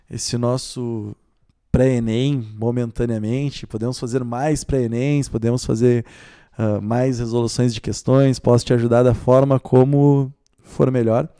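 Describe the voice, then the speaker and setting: A young man, teaching an exam-prep video lesson, lively and explanatory, asking rhetorical questions and stressing key words. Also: mid-range voice, clear, resonant tone.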